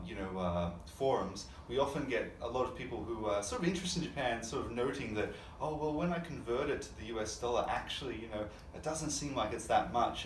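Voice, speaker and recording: A young man from Australia hosting a casual panel chat, relaxed and chatty with many fillers. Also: mid-range voice, a little hiss or hum. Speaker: host. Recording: echoey room, mic at a distance.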